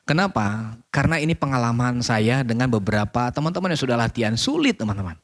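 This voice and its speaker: A man's voice: mid-range voice, fast talker. A man teaching a public speaking course, often asking questions and answering them himself, repeating key phrases for emphasis. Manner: animated, asks and answers his own questions. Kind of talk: online course lesson.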